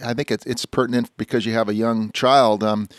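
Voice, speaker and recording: A man's voice: lowish voice, level tone, fairly quick. A man hosting a casual interview, asking questions in a hesitant, roundabout way. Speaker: interview host.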